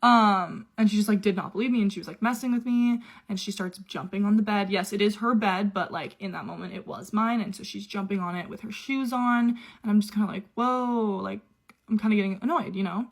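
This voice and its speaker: A woman's voice: mid-range voice, fairly quick, vocal fry. Young woman spilling a story, super chatty, says like constantly. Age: young adult. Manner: chatty, many "like" fillers. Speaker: au pair telling her story. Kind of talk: casual storytime.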